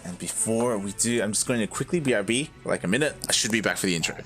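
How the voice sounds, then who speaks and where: A man's voice: lowish voice, lively intonation, quick pace, a bit bright, faint music behind. A man working as an esports commentator, bantering casually with a co-caster.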